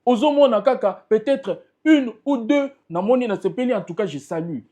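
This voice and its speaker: A man's voice: very high voice, lively intonation, moderate pace, warm tone. A man with a Congolese French accent, speaking as a political spokesperson in an interview, emphatic and impassioned. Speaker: political party spokesperson, guest.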